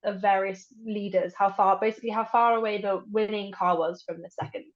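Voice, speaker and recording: A woman's voice: mid-range voice, steady tone, brisk. A young woman chats casually as a podcast co-host. She hedges her points and fills gaps with "um". The audio is dull and lo-fi. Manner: chatty, hedging, many fillers. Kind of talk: casual chat.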